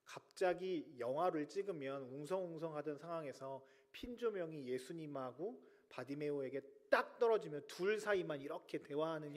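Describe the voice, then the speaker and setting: A male pastor preaching a sermon, swinging between loud emphatic cries and hushed whispers. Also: a little high. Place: large church sanctuary. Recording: long reverb of a church hall.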